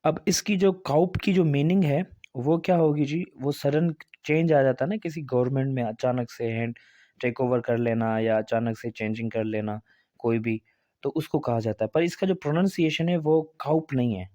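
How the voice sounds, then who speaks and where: A man's voice: mid-range voice, normal speed, warm tone, dry recording, dull audio. A man teaching English pronunciation in a video lesson, spelling out words and repeating each one.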